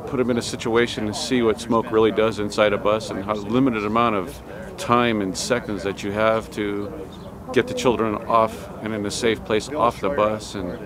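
A man's voice: fairly low pitch, fairly even intonation, normal speed. A man from California who works for a school district, giving an earnest, plain-spoken comment outdoors. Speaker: school district staff member. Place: outdoors at a trade show event. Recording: crowd noise outdoors.

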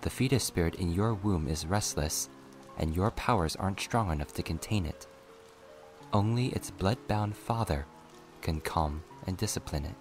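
Brief: measured courteous official, deep and soft, read by a man. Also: faint music behind, lightly acted. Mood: calm. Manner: polite, measured. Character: calm polite heavenly official.

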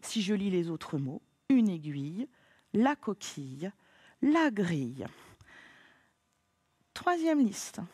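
A woman teaching a phonics lesson to children, patient and encouraging, spelling out sounds slowly. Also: mid-range voice, big pitch swings, darkish tone, husky, dry recording.

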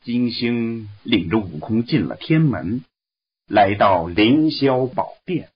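A man reading a classic story aloud in slow, expressive narration. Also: medium pitch, breathy edge. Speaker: story reader. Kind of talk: Chinese storybook read-aloud. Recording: dull lo-fi recording.

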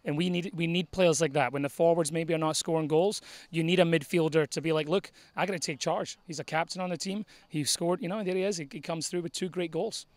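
A man in his forties speaks quickly and earnestly into a handheld mic, a little high for a man. He is a head soccer coach talking after a game outdoors at night, with a dry, close sound and no echo. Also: fairly even intonation. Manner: fast, earnest, repeats phrases when starting sentences. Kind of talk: postgame interview. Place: outdoor soccer field at night under floodlights. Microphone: handheld interviewer mic.

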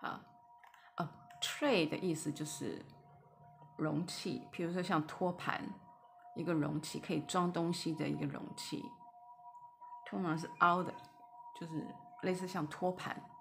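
A woman teaching English vocabulary, spelling out letters and repeating each word slowly, with soft whispered asides. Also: sits low, fairly even intonation, creaky, soft background music. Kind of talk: phonics lesson.

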